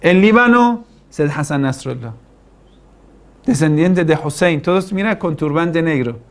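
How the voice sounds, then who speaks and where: A man's voice: fairly high pitch, a little slow. A male cleric giving a religious class, asking the room questions and quoting Arabic passages before explaining them. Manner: preaching with rhetorical questions and Arabic quotations. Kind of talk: religious lecture.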